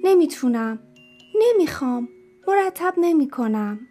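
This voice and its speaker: A woman voicing a stubborn little girl in a storybook, who chants her loud, defiant refusals. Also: medium pitch, fairly even intonation, breathy edge, faint music behind, lightly acted.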